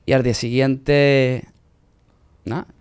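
Young guy from spain, accent, telling his story chill, smooth clear voice. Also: mid-range voice, takes it slowly. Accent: Spanish from Spain. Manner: storytelling, relaxed, uses Spanish slang. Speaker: singer guest. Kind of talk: casual interview.

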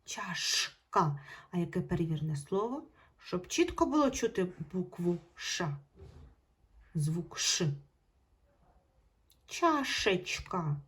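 A woman teaching young children in a video lesson, in a slightly husky voice. She speaks unhurriedly and draws out each example word so every sound is heard. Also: lowish voice, big pitch swings. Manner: slow, drawn-out pronunciation of example words. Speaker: primary school teacher.

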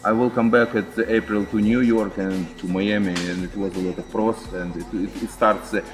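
Earnest low-voiced boxing coach. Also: male voice, steady tone, soft background music, rough recording. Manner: halting, searching for words, earnest. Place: open-air boxing gym.

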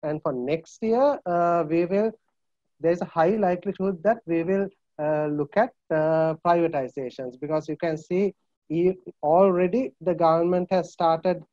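A man with a Sri Lankan English accent, an analyst on a video call panel, speaking haltingly with many filler sounds. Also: fairly high pitch, mellow, no echo. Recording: muffled video call audio.

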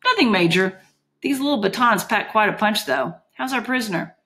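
A woman voicing a huge, calm, menacing male bodyguard who speaks in clipped, commanding, dry sentences. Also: medium pitch, normal speed, voice pushed up.

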